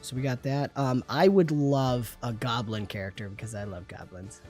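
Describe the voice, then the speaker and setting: A man's voice: medium pitch, moderate pace, a little mellow, faint music behind. Giggly, enthusiastic man on a livestream. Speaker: game designer co-host. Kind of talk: casual livestream brainstorming.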